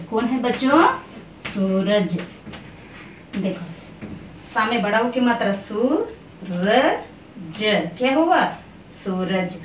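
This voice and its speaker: High-voiced woman teacher in an echoey room. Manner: slow, drawn-out syllables with repeated call-and-answer questions. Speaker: Hindi teacher. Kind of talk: slow classroom lesson for children. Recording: echoey room, voice from a distance, faint background noise.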